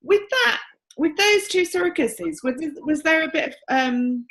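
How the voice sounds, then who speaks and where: A woman's voice: very high voice, animated, moderate pace, a bit bright, poor audio. A woman working as a psychic medium, relaying messages in a reading. She talks in an earnest, emotional, chatty way with many restarts.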